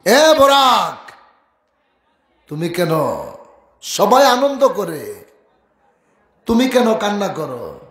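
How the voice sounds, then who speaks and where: A man's voice: high voice, big pitch swings, slow, pauses often, echoey room, exaggerated voice. A man voicing an earnest male archangel messenger who calls out and questions sharply. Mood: scolding.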